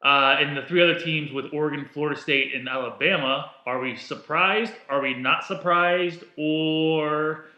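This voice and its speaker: A man's voice: fairly high pitch, moderate pace, hardly any pauses, pushed and bright, highs cut off. A man co-hosting a casual sports podcast, talking loosely and asking questions, recorded in an echoey studio office. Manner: loose, conversational, asks questions. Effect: echoey room sound. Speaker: podcast co-host. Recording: echoey room.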